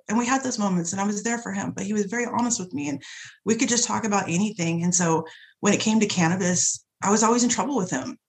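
A woman guest casually telling stories about her family and her shop, swearing often and acting out dialogue with big swings in pitch. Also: low-quality recording. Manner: animated, profane, swings pitch widely in retold dialogue. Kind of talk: casual storytelling chat.

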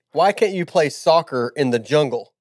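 A man's voice: on the high side, lively intonation, a little slow, dry recording, clean studio sound. A man co-hosting a podcast, telling dad jokes in a playful, teasing, giggly way. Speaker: podcast co-host. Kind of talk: casual chat, trading dad jokes.

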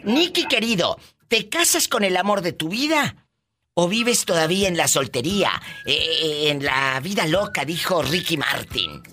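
A man hosting a radio call-in show, teasing callers with flamboyant, quick jokes. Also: fairly high pitch, very animated, sharp tone. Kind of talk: playful radio call-in banter.

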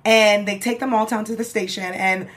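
A woman's voice: mid-range voice, steady tone, normal speed, fairly bright tone. A woman co-hosting a casual group discussion, animatedly retelling scenes. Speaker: podcast co-host.

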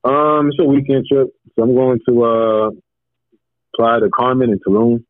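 A man calling in to a podcast over a muffled, bass-heavy phone line, talking in a calm, laid-back, reassuring way. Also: moderate pace, dry recording. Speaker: caller. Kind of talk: casual podcast chat.

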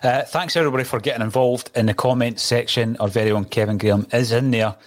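A man's voice: medium pitch, fairly even intonation, fast talker. A man with a broad Scottish accent hosting a conversational football podcast. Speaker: podcast host.

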